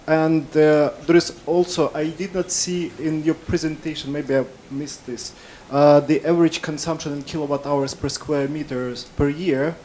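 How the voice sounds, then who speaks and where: A man's voice: on the high side, fairly even intonation, normal speed, hardly any pauses, a little mellow, a little hiss or hum, low-quality recording. Man asking a detailed question from the floor. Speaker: audience questioner. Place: conference hall.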